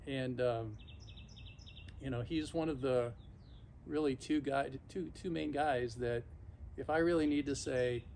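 A vlogger in his fifties or sixties, voice mid-range with a darkish tone, sits in an ice bath on his backyard patio and talks casually to a camera or phone a few feet away, unscripted. He's reflective and halting, pausing mid-sentence, with clear outdoor ambient noise in the recording.

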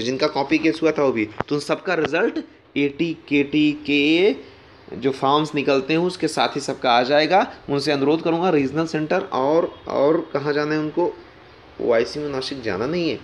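A man's voice: a little high, normal speed, a little hiss or hum. A man, talking casually to viewers as he explains education news and reads out news excerpts. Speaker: education news video host.

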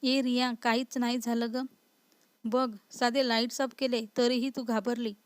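A woman's voice: fairly high pitch, flat delivery, a little slow, smooth, dry recording, lightly acted. A woman voicing a playful young husband who teases his wife in a storybook reading. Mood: teasing. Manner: teasing, lightly mocking.

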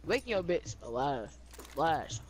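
A man's voice: fairly high pitch, very animated, slow, noisy background. A young man chatting casually with his team while playing a game, rowdy and goofing around with chants. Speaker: gamer. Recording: game audio with gunfire behind.

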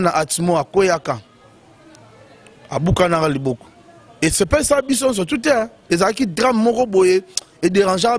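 High-voiced man, animated chatter. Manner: animated, emphatic, short bursts with many fillers. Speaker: commentator. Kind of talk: casual commentary on music news.

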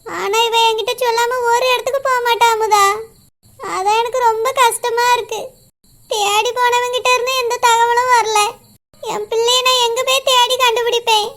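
A woman's voice: steady tone, normal speed. A woman voicing a middle-aged village mother in a cartoon, crying and pleading over her missing daughter. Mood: tearful. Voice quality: high, bright cartoon voice. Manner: tearful, pleading.

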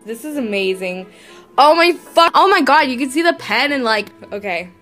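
A woman vlogging an unboxing in casual chat, excitable, swearing often and filling her talk with "like". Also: high-pitched, normal speed, faint music behind. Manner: excitable, swears a lot, says "like" constantly.

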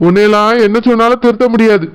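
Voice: mid-range voice, fairly even intonation, quick pace, background noise, lightly acted. A voice actor playing a stern young husband who curtly scolds his crying wife, in a Tirunelveli Tamil accent. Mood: scolding. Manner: curt, scolding.

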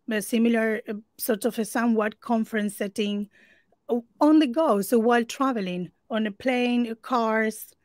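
Fairly high and a little mellow, the voice belongs to a Spanish-speaking woman from Argentina interpreting in English for an earnest conference talk on a video call. She restarts and uses fillers, and the recording carries no room sound.

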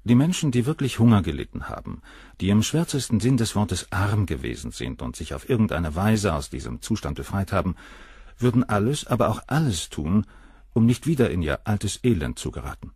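In a radio crime drama, a male actor plays a cold, cynical, middle-aged doctor being questioned by the inspector as a suspect, giving a full character voice. He sounds condescending, dismissive and clinical, with a very low, husky voice, lively intonation and a brisk pace. The recording is dry, with no echo.

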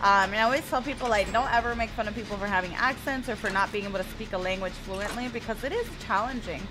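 Fast-talking with a mid-range voice over music, this twenty-something streamer from the United States chats casually with her audience. She laughs a lot and reads their messages aloud as she plays.

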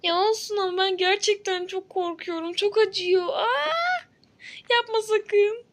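A woman voicing a frightened, whiny dental patient who pleads in a high, teary voice during toy role-play. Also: flat delivery, a little slow. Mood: panicked pleading. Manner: pleading, high-pitched, near tears.

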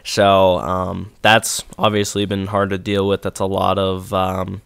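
Congested teenage guy, low and clear. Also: completely flat delivery, measured pace, a bit bright, dry recording. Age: teens. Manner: subdued, rambling, many fillers. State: sore throat and congested. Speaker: gaming video creator. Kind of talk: casual talk to camera over gameplay.

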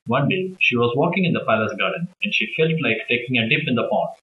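A man reading a children's story aloud in a halting, uneven way. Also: medium pitch, lively intonation, echoey room, phone-quality sound. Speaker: storybook reader.

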